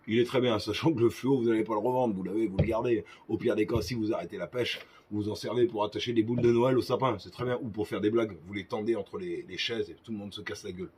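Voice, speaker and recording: A young man with a husky, slightly rough voice chats through fishing gear advice in an easygoing vlog. He jokes around and drops crude asides as he goes. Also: fairly low pitch, a little mellow. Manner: joking, crude, chatty asides. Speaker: fishing vlogger.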